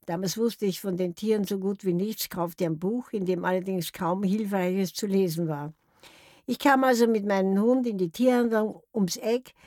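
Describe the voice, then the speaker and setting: A woman's voice: medium pitch, fairly even intonation, moderate pace, a little mellow, dry recording, clean studio sound. An older woman telling personal memories in a wry, anecdotal way. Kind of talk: memoir storytelling.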